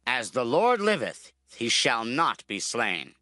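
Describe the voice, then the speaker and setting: A man playing an angry, commanding king of ancient Israel in a dramatized scripture reading, with forceful archaic phrasing. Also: mid-range voice, very animated, slow, dry recording, clean studio sound, heavily acted. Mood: solemn oath.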